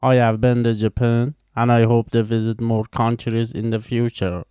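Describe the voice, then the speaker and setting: Reading scripted practice answers, a mellow young man from Iran who teaches languages speaks with careful, slow, evenly paced delivery and pauses between answers; Farsi is his first language and he is in his twenties. The studio-quality recording has no echo, capturing a medium-pitched, level, clear and resonant voice.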